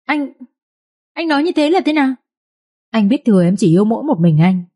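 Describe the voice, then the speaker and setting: A woman voicing a heartbroken young village woman who pleads tearfully, in a husky voice. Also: on the high side, very animated, fairly quick, mellow, pitched above the performer's own voice. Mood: hurt.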